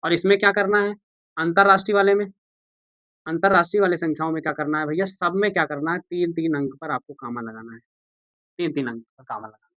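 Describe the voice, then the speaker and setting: A man's voice: fairly high pitch, fast talker, dry recording, lo-fi sound. A man teaching a maths lesson, patient and repetitive, who asks the viewers questions and answers them himself. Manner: patient, repeats steps, calls viewers "beta" and "bhaiya".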